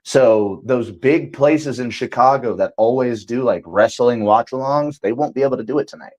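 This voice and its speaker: A male podcast co-host in loose, casual chat. He swears freely and breaks into big laughs, with a voice of ordinary middle pitch. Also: normal speed, a little mellow.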